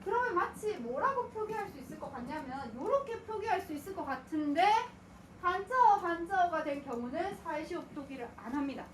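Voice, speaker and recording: A woman's voice: very high-pitched, expressive, a little fast, slight background noise. A woman teaching a grammar lesson, asking questions and answering them herself, sometimes putting on a student's voice. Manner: asks and answers her own questions, voicing students. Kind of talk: lecture. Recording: echoey room, mic at a distance.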